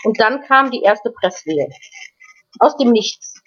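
A woman guest recounts a personal experience in casual, unscripted talk. Her voice sits a little high, and she often stops and repeats words before going on. The recording sounds slightly muffled and lo-fi. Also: expressive, slightly rough. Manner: halting, frequent restarts and repeated words. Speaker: interview guest. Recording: dull lo-fi recording.

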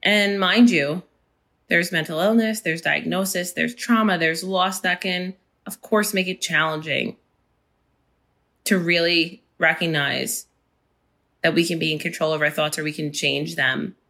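A woman with a raspy voice hosting a solo podcast, talking slowly and gently about finding inner peace. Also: on the low side, fairly even intonation. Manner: slow, gentle, unhurried delivery. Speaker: podcast host. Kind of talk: reflective solo podcast talk.

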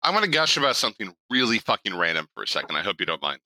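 A young man co-hosting a podcast in casual chat, animated and laughing, with quick swearing asides. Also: on the low side, no echo, poor audio. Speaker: podcast co-host.

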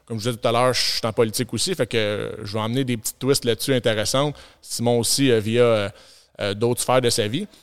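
Québécois man, podcast co-host, smooth resonant voice, keen and explanatory. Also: medium pitch, fairly even intonation, quick pace. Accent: Québécois French. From Quebec. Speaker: podcast co-host, gym owner. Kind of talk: casual chat.

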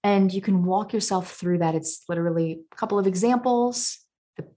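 A woman guest on a podcast, giving advice in an energetic, emphatic coaching way. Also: mid-range voice, a little fast. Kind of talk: conversational interview.

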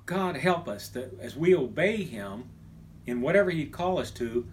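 A middle-aged man from Kansas, a pastor, preaching a sermon with animated delivery that drops to a near hush when quoting. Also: fairly high pitch, moderate pace, a little hiss or hum.

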